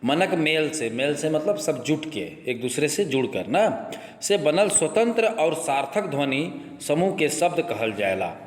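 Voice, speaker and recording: A male coaching teacher walks through a grammar lesson, repeating each point slowly and again. His voice sits in a mid range. The room rings with a long, echoey reverb. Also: medium pitch. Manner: repeats each point slowly, keeps saying "look carefully". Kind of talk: grammar lesson explaining slides.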